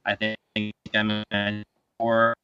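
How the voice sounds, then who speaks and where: A man's voice: fairly low pitch, completely flat delivery, measured pace, bright, forceful tone, clear, resonant tone, dry recording, highs cut off, soft background music. A man calling in as a guest TV reporter, his remote call connection choppy and breaking up as he rambles with many fillers. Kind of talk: casual podcast chat.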